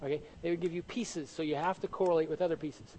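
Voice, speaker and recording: A man preaching a Bible study sermon, animated and conversational, often asking the congregation questions and answering them himself. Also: fairly high pitch, fast, poor audio. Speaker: pastor teaching Bible study.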